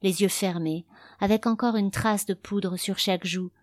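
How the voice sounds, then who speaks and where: A woman narrating a novel as an audiobook, with a measured, steady reading style. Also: medium pitch, no echo.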